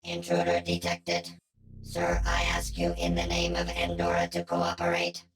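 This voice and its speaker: Stern security robot, very deep. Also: measured pace, reverberant, faint music behind. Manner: formal, commanding, clipped. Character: stern android security guard, male-sounding, cold and formal.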